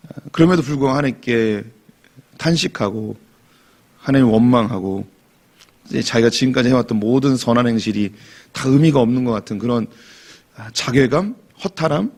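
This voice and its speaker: A man's voice: mid-range voice, fairly quick, darkish tone. A male pastor giving an expository sermon in a church, speaking conversationally and asking the congregation questions.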